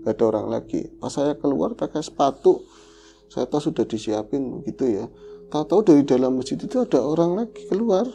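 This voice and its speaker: A man with a very dark, mellow voice tells a personal ghost story as a podcast guest. He talks loosely and conversationally, scattering fillers through his lively storytelling. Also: mid-range voice, fairly quick, gravelly, soft background music. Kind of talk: recounting a ghost story in casual chat.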